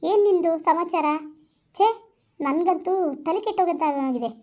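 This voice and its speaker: A woman's voice: very high-pitched, unhurried, warm tone. A young woman acting a hurt, reproachful girlfriend in a village skit phone call. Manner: reproachful, repeats herself.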